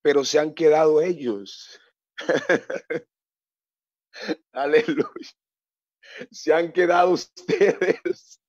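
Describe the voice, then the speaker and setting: A man preaching a fervent, pleading sermon as pastor, with a husky voice. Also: a little high, extremely slow, pauses often, no echo. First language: Portuguese influence, missionary in Brazil. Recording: dull lo-fi sound.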